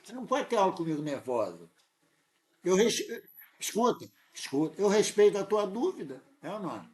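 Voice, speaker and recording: A man's voice: high-pitched, sing-song, a little fast. A man with a Brazilian Portuguese accent tutoring a student in math, insistent and correcting them often. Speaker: math teacher. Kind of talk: live tutoring lesson.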